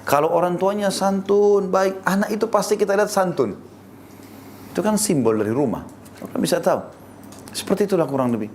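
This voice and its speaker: A man preaching a sermon in a lively, animated way, speaking directly to his listeners as friends and leaping up in pitch to stress a point. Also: brisk, slight background noise. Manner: lively, animated delivery with sudden rises in pitch for emphasis.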